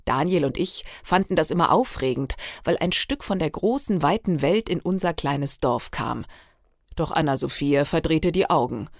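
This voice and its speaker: A woman reading a novel aloud with expressive storytelling. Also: deep voice, moderate pace, creaky, no room sound, studio quality. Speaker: reader. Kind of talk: audiobook reading.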